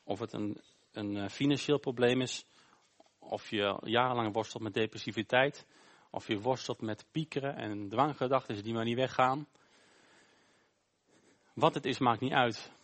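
A male pastor gives an informal sermon during a church service. He tells a Bible story conversationally, often pausing on "eh". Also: medium pitch. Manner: informal, storytelling, with frequent hesitations.

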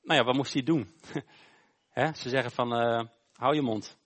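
A man preaches a sermon during a church service. He retells a Bible story plainly and informally, stopping to search for words. His voice sits at a middling pitch. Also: steady tone, moderate pace, fairly bright tone. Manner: informal, storytelling, with frequent hesitations. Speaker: pastor.

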